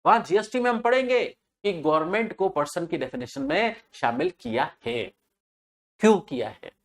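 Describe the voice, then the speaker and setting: A man with a high voice and lively intonation lectures on tax at a normal speed in a classroom setting. He poses rhetorical questions, answers them himself, and keeps repeating key terms and points.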